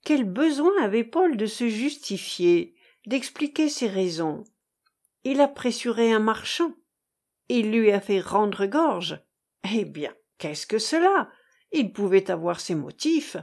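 A woman's voice: medium pitch, sing-song, slow pace, a little mellow, full character voice. A woman reading aloud voices a pompous general holding forth.

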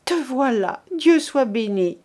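A woman reading aloud as a desperate mother imploring men to spare her son, in an impassioned, high voice. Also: expressive, measured pace, darkish tone. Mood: pleading. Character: desperate pleading older mother.

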